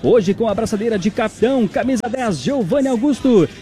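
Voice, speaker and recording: A man's voice: sits high, expressive, brisk, dark tone, soft background music. A man announcing football line-ups on sports radio, declaiming them name by name.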